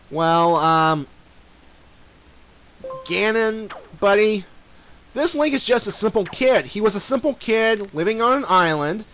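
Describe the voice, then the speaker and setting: High-voiced young man rambling over gameplay. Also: fairly bright tone. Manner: rambling, many fillers and restarts, talks to the villain directly. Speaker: let's play commentator. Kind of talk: casual game commentary.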